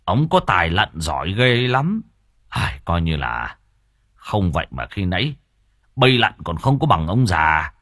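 A man's voice: low voice, very animated, a little slow, a bit bright, no echo, studio quality, exaggerated voice. A man voicing an older village man, rambling in a folksy way. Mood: reminiscing.

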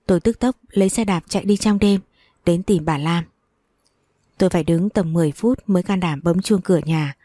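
A woman narrating a first-person story in a calm, measured reading voice. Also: on the low side, dry recording, clean studio sound.

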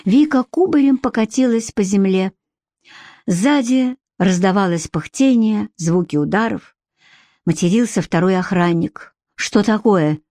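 A woman reading an audiobook in steady, measured narration. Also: medium pitch, no echo, studio quality. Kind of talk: scripted narration.

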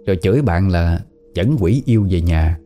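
A man's voice: sits low, expressive, normal speed, dark tone, faint music behind. A man with a Southern Vietnamese accent narrating a family ghost story in a plain, conversational way. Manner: plain conversational retelling with southern colloquial words.

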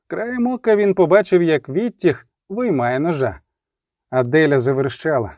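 A man narrating an audiobook in an expressive, vivid storytelling manner. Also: a little high, normal speed, dry recording, clean studio sound.

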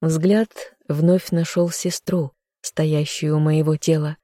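An audiobook narrator reading first-person narration in an even, measured way. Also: medium pitch, no echo, studio quality.

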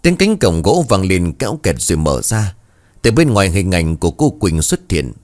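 A man narrating a ghost story in an expressive storytelling manner. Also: deep voice, normal speed.

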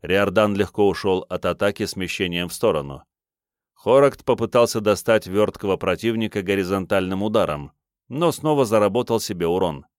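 Brief: male narrator, fantasy audiobook, steady and measured, low, dry close sound. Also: dry recording.

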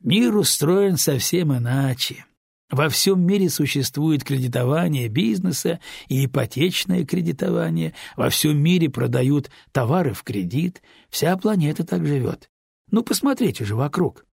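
A gentle middle-aged father, careful and measured, as a man reads him. His voice is husky and gravelly in a dry, close storybook recording. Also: fairly high pitch, lively intonation, no echo, full character voice. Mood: insistent.

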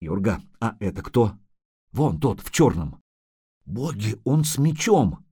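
A man's voice: on the low side, very animated, slow pace, mellow, breathy edge, heavily acted. A man voicing an anxious, loving merchant's wife who pleads eagerly. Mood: pleading.

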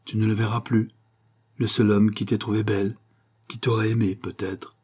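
A man voicing the murmuring soul of the lilac flowers in a storybook reading, hushed and quiet. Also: on the low side, little pitch movement, moderate pace, slightly rough. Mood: wistful.

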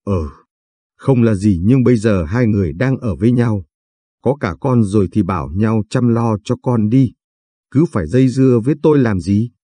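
A man's voice: fairly low pitch, normal speed, dry recording, close to an everyday voice. A man reading as a young woman fending off her ex. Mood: defiant. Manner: sharp and pleading by turns.

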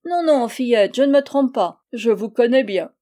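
Une femme qui fait un tout petit vieillard enchanté. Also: female voice, a little high, animated, moderate pace, dark tone, voice pushed up, close to an everyday voice. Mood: eager. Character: tiny very old bearded man, enchanted, kindly.

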